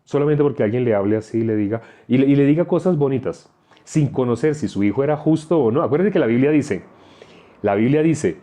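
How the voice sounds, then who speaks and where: A man's voice: mid-range voice, mellow. A male preacher giving a sermon, repeating phrases for emphasis and asking rhetorical questions.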